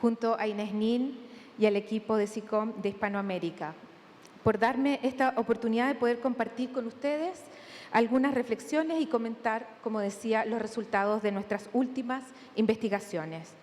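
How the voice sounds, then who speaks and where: A woman from Chile with a Chilean accent, giving a measured academic conference talk with thoughtful pauses in a large hall. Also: fairly high pitch, darkish tone. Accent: Chilean Spanish. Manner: measured, deliberate, with thinking pauses. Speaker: conference speaker. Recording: long hall reverb, faint room noise.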